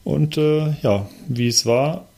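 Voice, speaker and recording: A man's voice: fairly high pitch, slow, vocal fry, dark tone. A man co-hosting a casual podcast, rambling with many hesitations and fillers. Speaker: podcast co-host.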